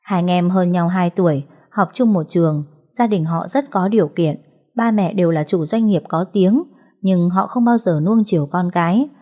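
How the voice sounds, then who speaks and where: A woman narrating a story in a calm, even, scripted storytelling manner. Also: lowish voice, moderate pace.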